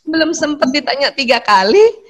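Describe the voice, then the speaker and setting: A middle-aged woman with an Indonesian accent and a fairly high voice gives a talk on marriage to a women's study group. She speaks in an animated way and acts out short exchanges between spouses. Her delivery stays lively throughout. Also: normal speed.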